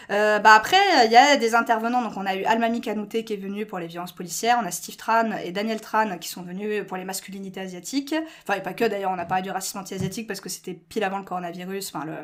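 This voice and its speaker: A middle-aged woman with a French accent talks at a very quick clip. She is candid and chatty, in an informal interview style, drifting into asides and self-deprecating remarks. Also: mid-range voice. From France. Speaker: interview guest, school educator. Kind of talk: animated informal interview talk.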